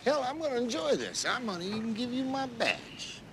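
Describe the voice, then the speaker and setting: An actor playing a gruff, blunt police detective who challenges the man he is talking to. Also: very high voice, huge pitch swings, normal speed, noisy background, exaggerated voice. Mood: challenging. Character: gruff hard-bitten male cop, challenging. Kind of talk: 1980s action film acting. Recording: film soundtrack with music behind.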